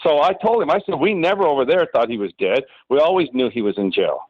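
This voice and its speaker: A man's voice: a little high, lively intonation, fast talker, dry recording. A man calling in to a talk show over a phone line on speakerphone, chatting casually and rambling with restarts. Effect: heard over a phone line on speakerphone. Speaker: caller. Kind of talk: casual call-in chat. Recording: muffled dry phone line.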